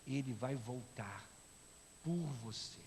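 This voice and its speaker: A man with a Brazilian Portuguese accent preaching a sermon as pastor, swinging from loud shouting to hushed, quiet speech. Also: medium pitch, lively intonation, takes it slowly, slight background noise. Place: church sanctuary. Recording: long church reverb with soft instrumental music.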